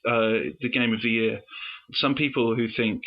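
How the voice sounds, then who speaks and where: A man's voice: medium pitch, fairly even intonation, normal speed. A man co-hosting a podcast in casual chat, easygoing and a little hesitant. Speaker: podcast co-host. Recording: dull lo-fi audio.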